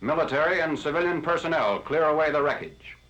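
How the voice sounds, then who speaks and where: A man giving scripted narration for an old 1940s newsreel, in a crisp, formal announcer delivery. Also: on the high side, expressive, brisk, a bit bright. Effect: old 1940s newsreel recording. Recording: lo-fi archival newsreel audio.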